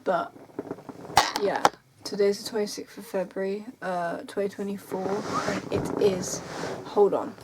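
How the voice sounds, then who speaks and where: Woman, emotionally drained, weary and burnt out, slow pace, medium pitch, halting casual vlog talk. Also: flat delivery, very noisy. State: burnt out and tired. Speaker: vlogger. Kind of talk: casual confessional talk to camera.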